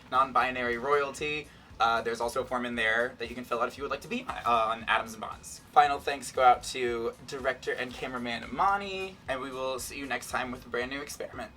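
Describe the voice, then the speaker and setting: An American man presents a science demo casually, with a campy, informal touch. His voice is bright and forward with plenty of vocal fry, over faint music. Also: mid-range voice, a little fast, recorded from a distance. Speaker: host, chemist presenter.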